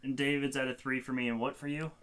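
A man's voice: mid-range voice, little pitch movement, fast talker, a bit bright, clear, resonant tone. A man in his twenties co-hosting a casual podcast with friends, rambling, restarting sentences and laughing often. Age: 20s. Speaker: podcast co-host. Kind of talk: casual chat among friends.

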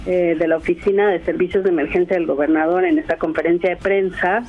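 A woman from Mexico, a guest journalist on a radio interview, giving facts in a measured way with occasional fillers. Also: lowish voice, fairly even intonation. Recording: dull lo-fi radio line, faint music.

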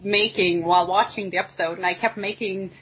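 Very husky woman. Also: medium pitch, steady tone, a little fast, a bit bright. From Sweden. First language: Swedish. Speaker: podcast co-host. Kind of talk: casual podcast chat. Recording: dull lo-fi audio.

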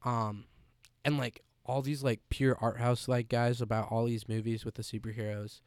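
Young man, smooth voice, chatty podcast host. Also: medium pitch, normal speed, no room sound, clean studio sound. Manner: animated, filler-heavy with many "like"s, swears casually. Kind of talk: casual chat.

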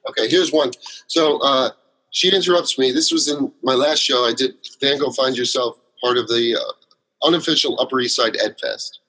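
Husky rambling male storyteller. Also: mid-range voice, normal speed, bright, forceful tone, poor audio. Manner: rambling storyteller, many fillers and restarts. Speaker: guest, solo theater performer. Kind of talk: casual interview chat.

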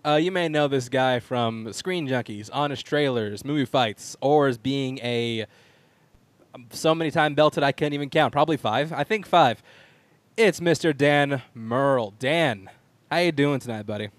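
A man's voice: medium pitch, moderate pace, dry recording. A man hosting a casual entertainment talk show, introducing and chatting in an informal way. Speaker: podcast host.

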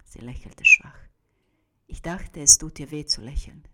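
A woman giving a dramatic reading of a first-person monologue. She drops into hushed whispers and then breaks out loudly, with a rhythmic, drum-like way of phrasing. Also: low-pitched, a little slow, very noisy. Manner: swings between hushed whispers and sudden loud outbursts.

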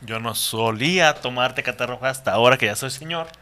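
A man's voice: medium pitch, fairly quick, pushed and bright, clear, resonant tone. A man with a northern Mexican accent telling casual comic stories as a podcast co-host, with slang and swearing. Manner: slangy, profane, joking. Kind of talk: casual comedic storytelling.

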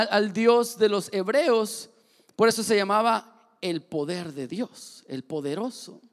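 A high-voiced man with a Mexican accent preaches to a congregation, joking and acting out small scenes in different voices. He sounds like he is in his thirties. His voice rings with long reverb through a large church hall. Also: gravelly, fairly bright tone. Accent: Mexican Spanish. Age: 30s. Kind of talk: lively sermon.

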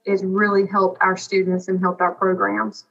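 A woman's voice: mid-range voice, completely flat delivery, moderate pace, fairly bright tone. A woman speaking as a guest in a conversational interview, like a school administrator describing her work. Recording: slightly dull, lo-fi sound.

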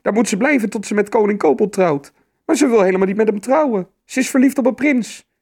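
A man's voice: high-pitched, brisk, darkish tone, breathy edge, pitched above the performer's own voice. A man voicing an anxious young male troll child who pleads in a frightened, breathless way.

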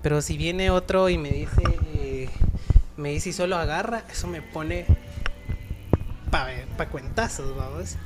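A man's voice: on the high side, a little slow, loud music behind the voice. A man, hosting a podcast and telling joking, slangy work stories. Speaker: podcast host. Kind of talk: casual podcast chat.

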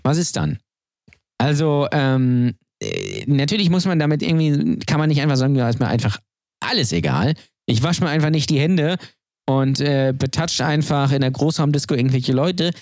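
A man's voice: mid-range voice, sing-song, normal speed, darkish tone, no echo, clean studio sound. A man co-hosting a podcast, talking at length in an opinionated, rambling way with many fillers. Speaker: podcast co-host. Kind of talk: casual podcast banter.

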